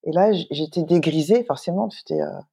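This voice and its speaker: A middle-aged woman, a guest entrepreneur, telling an anecdote in a lively, animated way with plenty of fillers. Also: sits low, quick pace, creaky, breathy edge. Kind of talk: casual storytelling in an interview.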